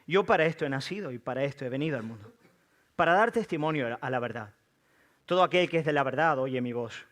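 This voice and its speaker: A calm, solemn man, read by a preacher who speaks quietly and at a measured pace. The voice sits lower and softer than the reader's own. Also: close to an everyday voice.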